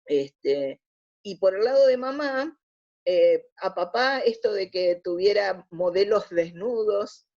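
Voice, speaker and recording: On a dull lo-fi recording, an older woman from Buenos Aires reminisces during an interview where she is the guest. Her Argentine, Buenos Aires–accented Spanish comes in a mid-range, slightly mellow voice that is expressive and slow.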